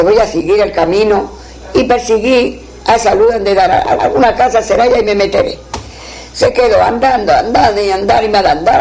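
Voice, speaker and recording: A woman's voice: medium pitch, a little mellow, poor audio. A woman telling an old folktale aloud, repeating phrases in a rhythmic, spoken way. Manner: repetitive, rhythmic retelling with quoted dialogue. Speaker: storyteller.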